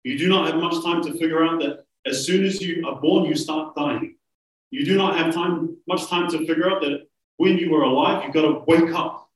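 A man preaching a sermon, earnest and emphatic, slowing down to stress key phrases. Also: fairly high pitch, fairly even intonation, a little hiss or hum. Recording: roomy, from a distance.

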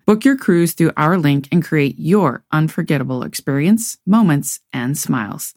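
A woman's voice: low-pitched, dry recording, studio quality. A woman reading an advertisement in an upbeat, persuasive style. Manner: bright, persuasive delivery. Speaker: ad narrator. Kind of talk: upbeat ad read.

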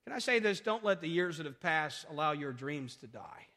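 Male pastor, emphatic sermon delivery with rhetorical questions, pitch rising and falling a lot, recorded in a reverberant sanctuary. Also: lively intonation, normal speed, sharp tone.

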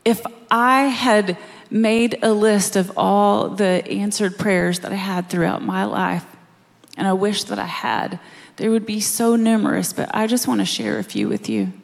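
A middle-aged woman preaching a sermon in a slow, earnest way, dropping to quiet, soft stretches. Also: mid-range voice, creaky, long reverb tail.

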